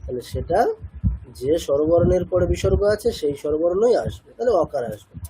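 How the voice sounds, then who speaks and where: Patient high-voiced man teaching. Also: expressive, brisk, background noise. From India. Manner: patient, asks and answers his own questions. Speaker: Sanskrit chanting teacher. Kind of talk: explanatory class lesson.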